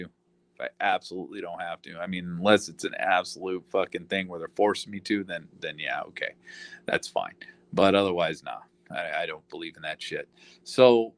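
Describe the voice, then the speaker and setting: Profane rambling man, low dry voice. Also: a bit bright, no room sound. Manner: profane, rambling, heavy fillers. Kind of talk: casual ranting monologue.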